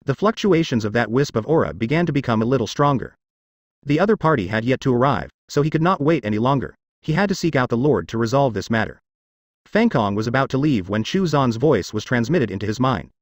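A man narrating a fantasy audiobook in an even, steady reading. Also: mid-range voice, brisk, dry recording, studio quality.

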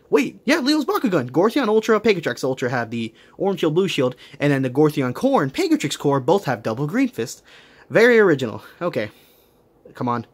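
A man chatting casually while unboxing toys, talking quickly and correcting himself as he goes. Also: mid-range voice. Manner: rapid, rambling, self-correcting. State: out of breath. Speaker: toy unboxing vlogger.

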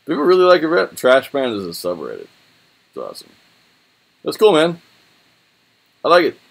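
A young adult man reviews a website on his screen, thinking aloud in an informal, rambling, laid-back slangy way. His voice is fairly high and creaky, swooping wildly in pitch at a moderate pace, recorded in a small indoor room.

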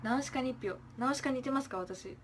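A young woman with a slightly high voice chats casually on a livestream and reads out viewer comments. She chirps her thanks brightly, then lets her phrases trail off into soft, quiet murmurs. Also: quick pace, slight background noise. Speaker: idol livestreamer.

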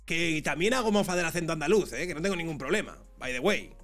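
Streamer type: Madrid man, high pitch, sarcastic and worked up, soft music behind. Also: animated, fast talker. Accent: Madrid Spanish. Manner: sarcastic, ranting, swings from loud to muttering. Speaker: streamer reacting to clips. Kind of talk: casual reaction commentary.

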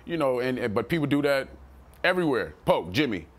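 A man talking casually in an interview about his early rap career, loose and animated, jumping into quoted voices and swearing freely. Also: mid-range voice, quick pace. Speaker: rapper telling his story.

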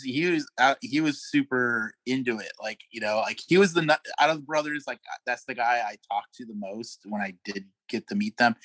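A man's voice: mid-range voice, no echo, low-quality recording. Dry-voiced middle-aged male musician storyteller. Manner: animated anecdotes with frequent laughs and fillers. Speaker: guest musician. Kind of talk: casual storytelling interview.

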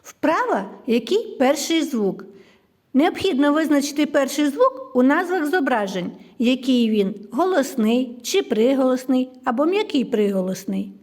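A woman teaching a literacy lesson to young children in a slow, clear, sing-song way. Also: high voice, big pitch swings, darkish tone.

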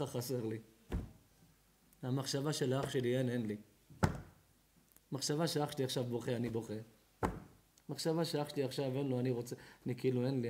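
A male rabbi giving an impassioned sermon, moving from quiet, low murmurs to high, shouted outbursts, with many repetitions and dramatic pauses. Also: background noise. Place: home event hall at a bar mitzvah.

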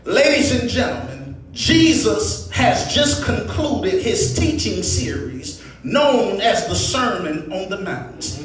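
With faint music behind him, a man with a high, sing-song voice preaches passionately to his congregation. His oratorical sermon leans on rhetorical repetition and rises from measured phrases to shouts, recorded from a distance in an echoey hall.

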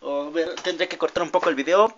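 Young guy doing gameplay commentary, slightly high voice, rambles and yelps at the game, muffled lo-fi audio. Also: quick pace, slight background noise. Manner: rambling, easily distracted, shouts at game mishaps. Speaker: gamer. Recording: dull lo-fi audio with loud game music.

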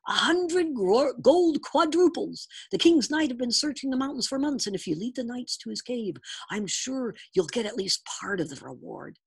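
A woman voicing a gruff, stern farmer father in a storybook read-aloud, growling and stammering. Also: on the high side, sing-song, normal speed, few pauses, no echo, clean studio sound, voice pushed up, full character voice. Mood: eager. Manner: growling, stammering when startled.

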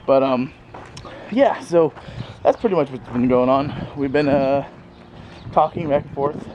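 In a sunny backyard, a thirty-something man vlogs into a handheld camera at arm's length, rambling casually with lots of fillers and chuckles. He speaks a little slowly in a mid-range voice, and the lo-fi recording picks up faint outdoor background noise.

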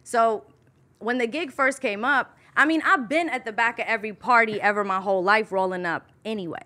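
A woman in her thirties from Iran, a brash, animated podcast guest who swears freely, on a studio mic with headphones. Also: fairly high pitch, a little fast. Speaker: guest, cannabis roller and marketer. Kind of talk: casual podcast interview.

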